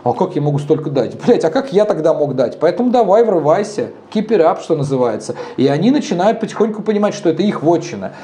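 With a fairly high voice, this man talks quickly with hardly a pause. He's in his thirties, co-founded a bar, and is being interviewed casually in a dim bar, where he gestures animatedly and speaks with blunt frankness.

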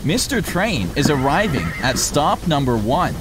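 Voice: mid-range voice, very animated, measured pace, background noise. A narrator for a preschool cartoon, explaining things in simple, instructive short sentences. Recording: music bed under the voice.

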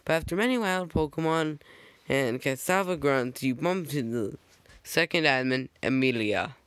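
A man's voice: on the high side, animated, moderate pace, a bit bright, clean tone, dry recording. A man casually narrating a fan-made slideshow, rambling with jokey asides and frequent self-corrections on a close microphone.

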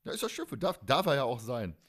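This co-host has a mid-range, sing-song voice that's a bit bright, and he's a fast talker. He recaps an audio drama in easygoing, rambling podcast chat, often doubling back on his phrases.

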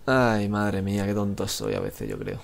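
A man's voice: lowish voice, wildly swooping pitch, normal speed, gravelly. A man with a Spanish accent chatting live while playing a game, rambling, joking at himself and swearing freely. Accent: Spain Spanish. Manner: rambling, self-mocking, swears a lot. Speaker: gamer streaming live. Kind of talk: live gameplay commentary.

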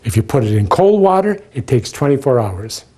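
A man's voice: medium pitch, very animated, fairly quick, noisy background. A middle-aged man, a floral consultant, showing step by step how to prepare flowers, emphatic and dropping small jokes as he talks to the viewer. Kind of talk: hands-on demonstration.

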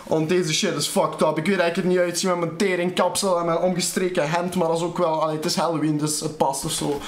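A man with a Flemish accent giving loud let's-play commentary on a horror game, swearing and reacting jumpily while wearing a headset at home. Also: on the high side, level tone, fast talker, reverberant, recorded from a distance. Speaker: gaming YouTuber.

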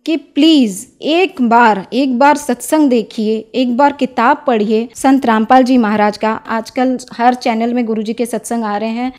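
Young woman from odisha, a bit high pitched, earnest and pleading, lots of little "uh" pauses. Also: a little mellow. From Odisha, India. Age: young adult. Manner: earnest and persuasive, pausing often with filler sounds. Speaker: interview guest. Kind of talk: devotional testimony interview.

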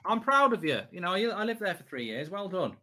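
A man gives casual live football commentary as a watch-along host. His voice is high and bright with very animated intonation, and he repeats phrases to drive a point home. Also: a little fast. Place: indoor desk streaming setup.

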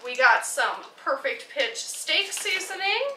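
Taking her time, a woman in her thirties with a high voice and lively intonation chats about her groceries for a home vlog, laughing as she covers each item. She's a mother filming in the dining room, with a distant camera mic across the table giving roomy, noisy audio.

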